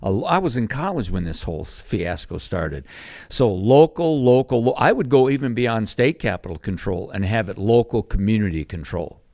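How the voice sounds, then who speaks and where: A man's voice: lowish voice, expressive, moderate pace, darkish tone, no echo, clean studio sound. A middle-aged man co-hosting a live-streamed talk show, folksy and enthusiastic. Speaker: co-host.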